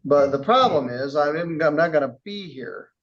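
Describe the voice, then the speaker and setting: A man speaking as a judge to a defendant in court, calm but turning angry as he sternly scolds. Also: fairly high pitch, moderate pace, dull audio, a crowd in the background.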